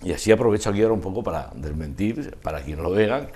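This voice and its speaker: An older man reminiscing in an interview, discursive and halting, often trailing off mid-thought. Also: deep voice, lively intonation, a little mellow. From Spain. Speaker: interview guest, festival proclamation speaker.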